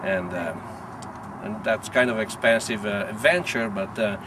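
Middle-aged man, distant and noisy. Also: lowish voice. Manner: joking, halting with many fillers. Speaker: helicopter tour operator. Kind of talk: on-camera interview. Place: outdoors beside a helicopter at an airfield. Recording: distant mic, loud background noise.

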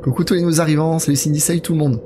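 A man with a slightly high voice, commentating live as he plays a horror game. He keeps turning to his viewers in a chatty way and reacts out loud whenever something frightens him. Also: steady tone, racing, background noise. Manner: reacts aloud to scares. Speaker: horror game let's player.

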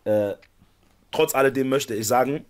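A man's voice: medium pitch, normal speed, noisy background. A man chatting casually in a group discussion, with a teasing, amused manner. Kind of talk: casual panel chat.

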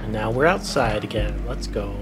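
A young man casually commenting while he plays a video game, chatty and quick to react and laugh. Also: lowish voice, expressive. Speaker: gaming YouTuber. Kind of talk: casual let's play commentary. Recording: game music behind the voice. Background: game music.

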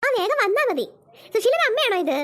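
Woman doing a quick, coaxing cartoon teacher. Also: very high-pitched, big pitch swings, a bit bright, heavily acted. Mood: soothing. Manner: coaxing, patient. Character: kind preschool teacher, woman.

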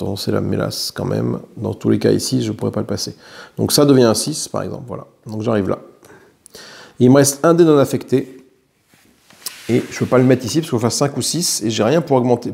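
Mid-range, creaky and darkish, the voice comes from a board game player with a French accent narrating solo play. He thinks aloud while tallying dice and lets out light swears at poor rolls.

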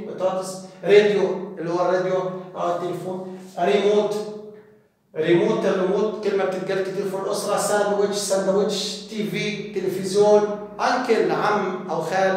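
A man with an Egyptian Arabic accent teaching English words to parents, saying each word again and again and then explaining it. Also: high voice. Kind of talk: spoken English vocabulary lesson for parents. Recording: echoey hall from far off.

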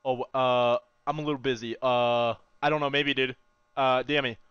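A man in his twenties, a game streamer, reacting live to horror games with excitable, profane chat, frantic repeated words and yelps, on a headset mic at home. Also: mid-range voice, normal speed, smooth, dry recording, lo-fi sound. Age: 20s. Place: home room, indoors.

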